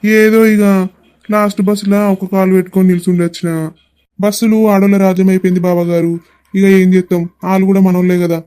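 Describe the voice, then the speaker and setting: A man's voice: high-pitched, flat delivery, quick pace, dark tone, smooth, lightly acted. A man voicing a chatty middle-aged brother-in-law in a cartoon, grumbling with humor in a Telangana accent. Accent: Telangana Telugu.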